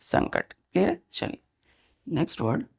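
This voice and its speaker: A woman teaching a vocabulary lesson, spelling words out letter by letter and often asking the students if it is clear. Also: low-pitched, wildly swooping pitch, moderate pace, darkish tone.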